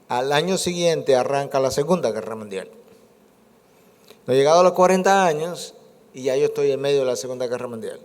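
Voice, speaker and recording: A man in his sixties delivers a sermon as a pastor, stacking repeated phrases and rhetorical questions to drive his point home. His mid-pitched voice carries a long reverb from a church hall. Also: a little mellow. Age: 60s. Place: church sanctuary.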